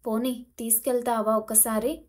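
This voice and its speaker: A woman voicing a concerned middle-aged husband who asks quiet questions. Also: a little high, flat delivery, measured pace, close to an everyday voice. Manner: hushed, asking questions.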